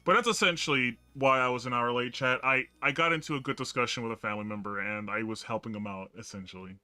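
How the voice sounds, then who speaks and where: A man's voice: medium pitch, quick pace, bright, forceful tone, dry recording. A man streaming a video game, talking to chat in a rambling, casual way with many fillers and some swearing. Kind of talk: casual gaming stream commentary.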